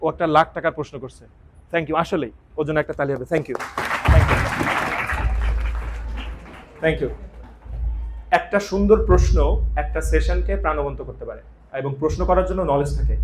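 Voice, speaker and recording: A male English teacher with a Bangladeshi Bengali accent, talking in a lively, teasing way to a college classroom and calling on students by name. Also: on the high side, normal speed, pauses often, faint music behind, a faint crowd, rough recording.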